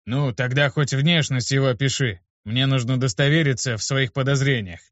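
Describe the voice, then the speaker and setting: Man doing a gruff barking teacher. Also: mid-range voice, a little fast, dry recording, pitched above the performer's own voice, close to an everyday voice. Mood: reasoning. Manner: barking, blunt, coarse. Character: gruff adult man, irritable slum teacher. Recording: dull lo-fi dry recording.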